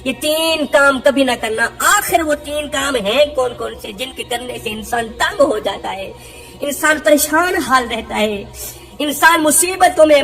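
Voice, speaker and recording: A woman's voice: on the high side, a bit bright. A woman telling a religious story as a sermon, emphatic and repeating her phrases for stress.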